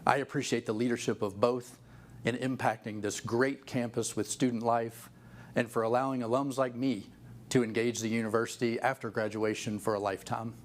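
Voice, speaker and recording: A man's voice: mid-range voice, level tone, brisk. A man in his fifties giving a prepared acceptance speech as an award recipient. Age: 50s.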